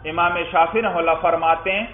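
A man's voice: high-pitched, fairly even intonation, a little hiss or hum. A man teaching a class on Islamic law, putting questions to his students and answering them himself, repeating key terms. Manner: repeats key terms, calls listeners brother. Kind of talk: classroom lecture. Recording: echoey, tinny phone-like recording.

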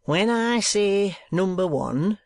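A man's voice: sits high, lively intonation, takes it slowly, a little mellow, no echo, clean studio sound, voice pushed up, full character voice. A man doing a greedy, preachy schoolmaster. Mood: sanctimonious. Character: greedy, sanctimonious male schoolmaster, middle-aged.

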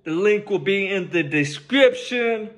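Fairly bright and pitched high, this young man's voice is animated and moves at a measured pace. Recording indoors in his living room on a headset mic, he reacts to music casually, swearing often and getting hyped about the track.

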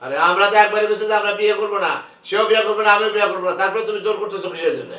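Jittery boss man, stammers a lot, high bright voice, music behind. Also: steady tone, racing. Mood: flustered. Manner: stammering, pleading, nervous. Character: nervous, flustered boss man trying to escape.

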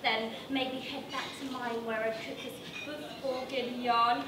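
A woman's voice: on the high side, flat delivery, unhurried, natural voice. A woman playing a shy, nervous, sweet dating show contestant in a stage comedy sketch, hesitant and giggly. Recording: distant echoey noisy stage recording.

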